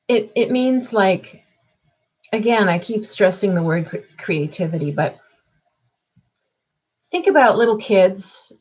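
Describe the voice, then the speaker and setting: A woman walks through an astrology chart at an easy, slow pace, pausing with fillers and circling back on her words. Her voice sits a little low, and the talk is casual and unscripted. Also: a little mellow, poor audio. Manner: unhurried, thinking aloud with many fillers and restarts.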